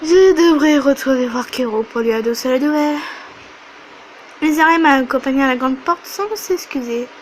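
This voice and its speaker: A woman's voice: high-pitched, normal speed, slight background noise, poor audio. A woman narrating a story game casually, commenting on her own slips. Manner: chatty, reacts and laughs at her own slips. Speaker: video game reader.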